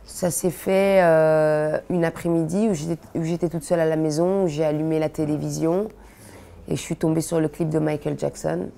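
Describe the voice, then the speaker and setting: A woman in her thirties, born in Belgium, answering interview questions in a relaxed, chatty way with many fillers and restarts. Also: sits low, creaky, a little hiss or hum. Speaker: interviewee, comedian.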